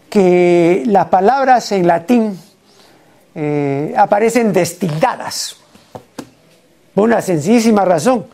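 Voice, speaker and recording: Older male TV host, gravelly and dark, measured and erudite delivery. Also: sits high. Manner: measured, erudite, with frequent rhetorical "¿no?" tags. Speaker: TV program host. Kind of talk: unscripted on-air talk to viewers.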